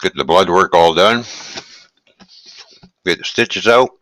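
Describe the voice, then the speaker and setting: A man hosting a casual live stream, chatting in a relaxed, rambling way and greeting viewers while he eats. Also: sits low, slow pace. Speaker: livestream host.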